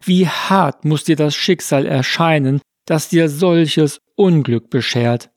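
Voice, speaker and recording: A man voicing an agitated crowd of villagers in a storybook reading, with excited, lamenting delivery. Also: on the high side, slow, no echo, clean studio sound.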